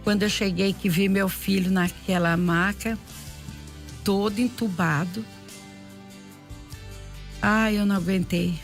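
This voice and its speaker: Speaking slowly with frequent pauses and a steady mid-range tone, a Brazilian Portuguese-accented woman shares a tearful testimony of faith during an interview, faint music behind her. She repeats herself earnestly and reenacts conversations and prayers.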